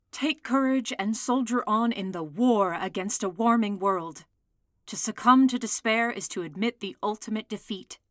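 A woman's voice: a little high, fairly bright tone, dry recording, clean studio sound, lightly acted. A woman reading the farewell speech of a sentient car that gives itself up for the world, in a grand rallying manner. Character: sentient defiant car, solemn, self-sacrificing.

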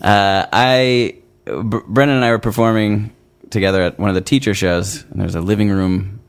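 A man hosting a casual comedy podcast in a halting, chuckling delivery. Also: on the low side, fairly even intonation, clean tone. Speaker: podcast host.

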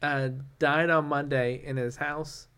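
A man with a slightly high-pitched voice co-hosts a casual podcast. He rambles, restarts his sentences and gets animated, often slipping into nervous laughter. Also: slow, smooth. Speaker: podcast co-host.

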